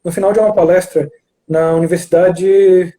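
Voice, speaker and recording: High-voiced Brazilian man telling a story. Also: moderate pace, low-quality recording. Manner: animated storyteller who acts out dialogue, frequent restarts. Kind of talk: storytelling in a live video chat.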